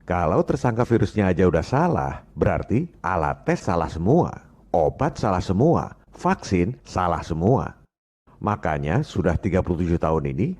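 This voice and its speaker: Deep, assertive male narrator. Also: a little mellow. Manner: assertive, asks rhetorical questions. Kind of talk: scripted voice-over commentary.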